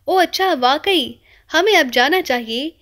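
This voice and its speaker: A woman's voice: high-pitched, animated, fairly bright tone. A woman voicing a cheeky young male spy who teases people with mock-polite, rambling wordplay, in an audiobook reading. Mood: playful teasing.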